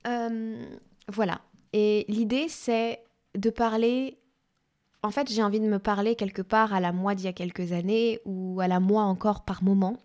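A woman's voice: medium pitch, fairly even intonation, moderate pace, a little mellow. A woman life coach talking in an enthusiastic, chatty podcast monologue with spiritual wording.

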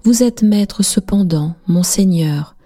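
A woman voicing a humble, flattering old male wolf in a bedtime story, servile and sobbing. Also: medium pitch, slow. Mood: fawning.

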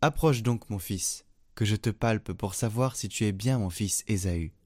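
Frail old blind patriarch, read by a man, deliberate and low-pitched. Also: darkish tone, dry recording. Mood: solemn. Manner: slow, measured reading. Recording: dry, faint music behind.

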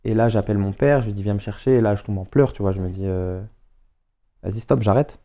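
A young man with a Paris suburbs accent, a footballer chatting as a podcast guest, slangy and animated as he acts out what people said. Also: on the low side, fast talker. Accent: Parisian suburbs French. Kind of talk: casual storytelling chat.

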